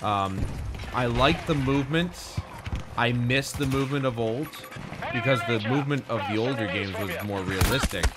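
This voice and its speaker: A man's voice: mid-range voice, normal speed. A man giving casual, informal live gameplay commentary as a streamer, muttering to himself and swearing freely. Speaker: game streamer. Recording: loud game gunfire and vehicle noise. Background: video game battle sounds.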